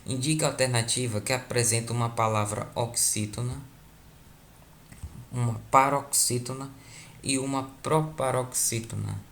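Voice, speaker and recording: A man with a Brazilian Portuguese accent talks through a test like a patient teacher, repeating each point and checking that everyone follows. His voice sits at an ordinary middle pitch. A faint hum of ambience sits under the recording. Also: steady tone, moderate pace, gravelly, fairly bright tone. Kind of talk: explaining a school test.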